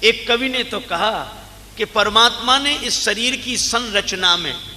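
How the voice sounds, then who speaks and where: Male preacher, sermon storytelling, bright voice, slow deliberate delivery, long hall reverb, faint background noise. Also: high voice. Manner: animated storytelling, acting out quoted voices. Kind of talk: Ram Katha sermon storytelling.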